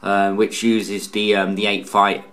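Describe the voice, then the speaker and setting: A man with a lowish, slightly bright voice speaks flatly at a measured pace. He's a radio hobbyist and channel host doing a casual, hands-on product review, explaining with some hesitation from off camera beside a tabletop radio indoors.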